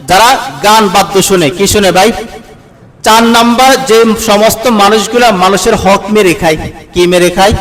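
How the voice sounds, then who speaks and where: A man preaching a sermon with a Bangladeshi Bengali accent. He keeps asking his listeners questions and answering them himself, and at times slows into sung recitation. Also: high-pitched, fairly bright tone, low-quality recording. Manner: call-and-response, asks the crowd and answers himself; slow sung Quran recitation.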